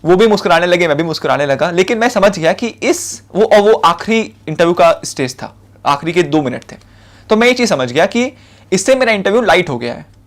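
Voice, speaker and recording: A man's voice: high voice, animated, fairly quick. A young man with an Indian accent, giving a spoken lecture of interview advice in a casual, conversational way, with fillers and repeated short points. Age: young adult. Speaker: civil services officer giving interview advice.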